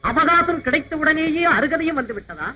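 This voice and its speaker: A sharp, indignant royal prince. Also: male voice, extremely high pitch, lively intonation, moderate pace, full character voice. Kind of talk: dubbed mythological film acting. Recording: dull lo-fi old film soundtrack with music.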